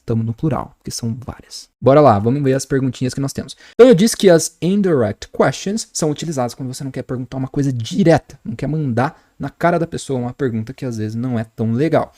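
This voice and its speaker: A man with a Brazilian accent, an English teacher in his thirties giving a lively online lesson and spelling out sounds slowly. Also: mid-range voice. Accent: Brazilian Portuguese.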